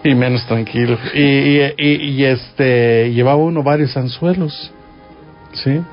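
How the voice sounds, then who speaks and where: A man with a Mexican accent teaches scripture on a radio show in an easy, conversational way, often turning to the listener with questions. His voice sits at a middling pitch. The broadcast sound is a bit dull, with soft music underneath. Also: fairly even intonation, unhurried. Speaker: radio preacher.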